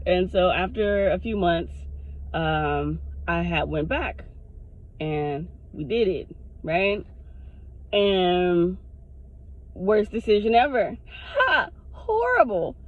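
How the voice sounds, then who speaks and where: A woman's voice: fairly low pitch, takes it slowly, pauses often, no room sound, narrow, tinny audio. A woman vlogger telling a candid storytime to her viewers, with frequent swearing. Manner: talks straight to the viewers. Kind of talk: casual storytime.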